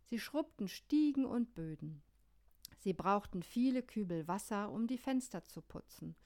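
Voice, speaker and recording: Woman pastor doing a radio devotional, slow calm measured voice, mid pitch.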